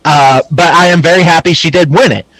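A man's voice: a little high, brisk, fairly bright tone, no echo, low-quality recording. A man co-hosting a podcast, giving blunt opinions in casual wrestling chat. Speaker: podcast co-host.

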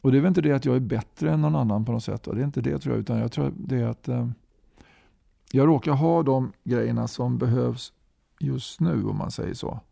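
A man's voice: medium pitch, gravelly, warm tone, dry recording, clean studio sound. A man in his sixties, a talkative interview guest who keeps tagging his sentences with a questioning "va?". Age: 60s. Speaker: guest, musician and movement leader. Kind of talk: casual conversational interview.

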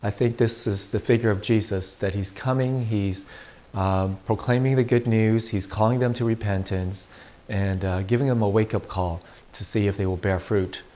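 Low-voiced man preaching as a priest. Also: fairly even intonation, normal speed, mellow. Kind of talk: Gospel reading and informal homily.

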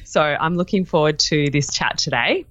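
A woman's voice: sits low, moderate pace, a bit bright, lo-fi sound. A woman co-hosting a podcast, interviewing a guest in a chatty, informal way. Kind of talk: casual interview chat.

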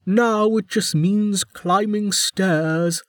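A man voicing an ancient, imperious female warden who drawls and mocks, leaning slowly on certain words in an audiobook. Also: sits high, no room sound, studio quality, pitched above the performer's own voice. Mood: sardonic. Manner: drawling, mocking, with slowed emphatic words. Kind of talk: audiobook character voice.

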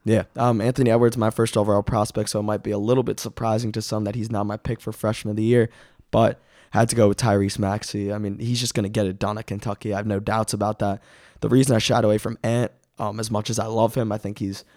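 Raspy, low-voiced man with a cold and cough. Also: level tone, quick pace, a little mellow, no room sound, studio quality. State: under the weather, coughing. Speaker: sports podcast host. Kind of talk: casual sports preview chat.

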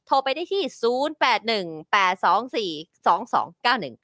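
A woman's voice: on the high side, fairly quick, no echo, clean studio sound. A woman co-hosting a casual talk show and reading sponsor plugs in a playful manner. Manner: lively, playful. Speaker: co-host.

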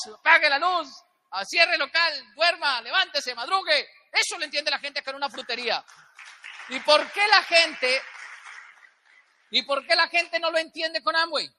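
A man's voice: very high voice, bright, forceful tone. Man preaching business in an echoing hall. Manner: emphatic, rhetorical questions, acts out little dialogues. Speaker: motivational business speaker. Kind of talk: motivational stage talk. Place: large event hall with a live audience. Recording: long hall reverb.

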